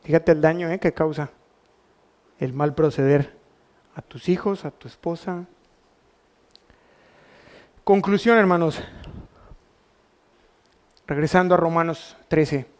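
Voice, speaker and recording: Mexican pastor preaching, higher-pitched man. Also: steady tone, slow pace, pauses often. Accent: Mexican Spanish. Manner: preaching with rhetorical questions to the congregation. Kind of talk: sermon. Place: church.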